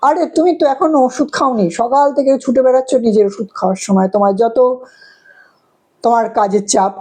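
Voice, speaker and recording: A woman's voice: on the high side, steady tone, a little fast, dark tone, breathy edge, rough recording. A woman voicing a husband who scolds his wife for forgetting her medicine. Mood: nagging. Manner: scolding, nagging. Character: fussing husband nagging about medicine.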